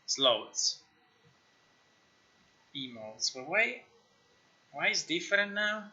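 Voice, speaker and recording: This man's voice sits on the high side and sounds very animated, pushed and bright, though he speaks extremely slowly. Not a native English speaker, he thinks aloud at his computer indoors during a casual live stream, muttering, repeating himself and swearing as he works. The sound is lo-fi.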